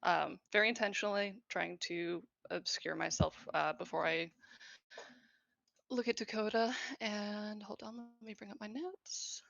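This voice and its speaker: A woman's voice: medium pitch, steady tone, a little slow, gravelly, fairly bright tone, no echo, highs cut off. A woman chatting casually as a tabletop game player, informal and decisive about her moves.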